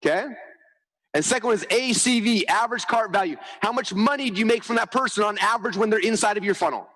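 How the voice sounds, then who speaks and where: A man's voice: high voice, fast talker, poor audio. A man giving a live marketing talk at a conference, telling stories energetically, acting out quotes and often checking in with "okay?". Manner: energetic, animated storytelling, acts out quotes; repeats "okay?" to check with the audience. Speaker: conference speaker. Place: conference hall.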